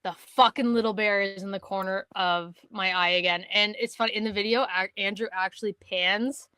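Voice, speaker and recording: A woman from Canada co-hosting a podcast, telling a hunting story in casual chat, animated and swearing, acting out other people's words. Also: medium pitch, moderate pace, smooth, no echo. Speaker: podcast co-host.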